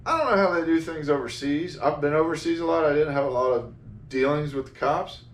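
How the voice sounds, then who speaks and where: A man chatting casually about a movie he reviews, sarcastic and fond of flat mock voices. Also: a little high, fairly quick, a little hiss or hum. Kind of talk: casual chat. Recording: echoey room, mic far off.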